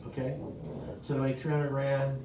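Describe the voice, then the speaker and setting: An American real estate sales trainer runs a live coaching seminar in a meeting room, chatting and joking with the audience and often checking in with "okay?". His mid-range voice is completely flat and moves at a moderate pace. He's recorded from afar in an echoey room with faint hiss.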